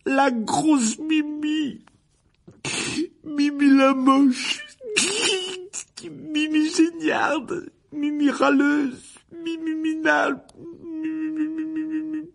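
A man's voice: very high-pitched, level tone, drawn-out words, gravelly, voice pushed up, heavily acted. A man voicing a weepy, self-pitying teenage girl ghost who sobs through her words in a storybook reading. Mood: sobbing self-pity. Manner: sobbing, whiny. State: crying.

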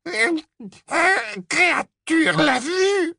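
Créature, a croaking old house-elf. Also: male voice, animated, bright, forceful tone, no room sound, clean studio sound, exaggerated voice. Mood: sobbing. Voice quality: croaking, stammering. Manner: wailing, high-pitched and slow. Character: wretched old male house-elf servant, grovelling and sobbing.

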